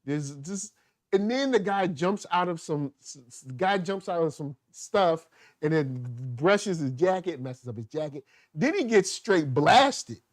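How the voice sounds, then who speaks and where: A man with a slightly high voice talks in a loose, animated way, laughing often and slipping into quick impressions of characters. The sound is dry and close, with no room around it. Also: dry recording. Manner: animated, laughing, acts out quotes. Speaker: podcast host. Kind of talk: casual chat reviewing a TV episode.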